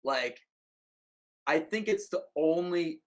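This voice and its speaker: Fairly high and animated, this man's voice takes things slowly as he talks casually as a podcast guest. His speech is rambling and emphatic, heavy on fillers like "like" and "you know."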